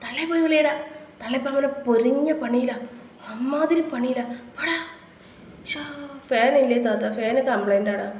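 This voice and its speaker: A woman's voice: a little high, normal speed, pauses often, a little mellow. Brash woman live-streaming. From Kerala, India. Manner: brash, trades crude insults with viewers. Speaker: live streamer answering viewer comments. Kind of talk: casual live-stream chat. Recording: echoey room, faint background noise.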